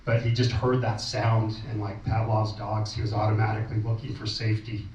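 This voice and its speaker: A man's voice: on the low side, monotone, brisk, darkish tone. Man, meeting participant, level matter-of-fact telling, muffled far-off recording with faint hiss. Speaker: meeting participant sharing accounts. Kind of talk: casual storytelling at a meeting. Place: meeting room. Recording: roomy, distant, muffled, faint noise.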